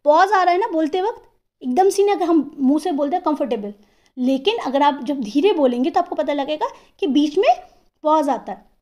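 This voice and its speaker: A woman teaching an English grammar lesson, explaining patiently and sounding out example words slowly, syllable by syllable, and often checking in with the listener. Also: high-pitched, lively intonation, a little mellow. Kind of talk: classroom-style grammar lesson.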